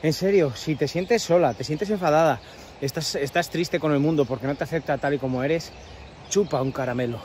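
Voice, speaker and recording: A Peninsular Spanish man with a slightly raised pitch vlogs on the move, his sarcastic, rambling rant broken by the breathlessness of a steep climb. He is outdoors on a country path. Faint birdsong and open-air hum sit behind his voice. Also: brisk, darkish tone. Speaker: vlogger. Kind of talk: walking vlog rant to camera.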